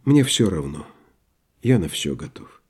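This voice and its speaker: A man voicing an agitated middle-aged male provincial doctor who rants in a strained voice and later sinks into hushed despair. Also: very animated, a little slow, husky, exaggerated voice. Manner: shouting in a cracking high voice, then hushed and despairing.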